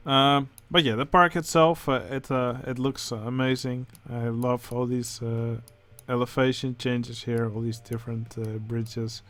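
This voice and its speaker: A man with a Dutch accent, speaking English as a second language, who hosts a channel and comments casually on game contest entries, pausing often with filler sounds. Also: mid-range voice, level tone, a bit bright. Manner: hesitant, many filler sounds. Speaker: channel host judging a building contest.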